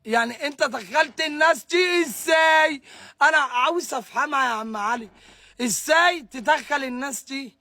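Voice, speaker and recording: A man's voice: extremely high pitch, bright, forceful tone, dry recording. A distraught young man with an Egyptian accent, ranting live to viewers, stammering and repeating himself as he answers their comments. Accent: Egyptian Arabic. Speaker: livestreamer.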